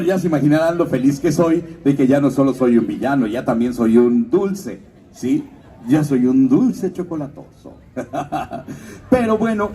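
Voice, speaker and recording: A man who works as a voice actor and announcer, giving a lively stage talk at a fan expo. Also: mid-range voice, distant mic. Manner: lively storyteller, slipping into character voices.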